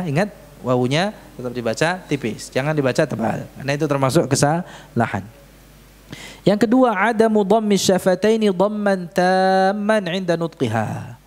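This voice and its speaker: Man, Indonesian accent, Quran recitation teacher, slow unhurried delivery, mosque lesson. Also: sits high, darkish tone. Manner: questions the audience often, demonstrates Arabic sounds slowly. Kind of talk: tajwid lesson with live recitation examples. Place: mosque prayer hall.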